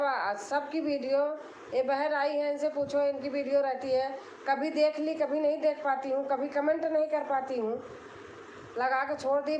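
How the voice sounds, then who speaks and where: A woman's voice: high-pitched, darkish tone, roomy sound, dull audio, a little hiss or hum. A woman from Allahabad, hosting a casual live stream and answering comments in an insistent, repetitive way, explaining herself. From Allahabad, India.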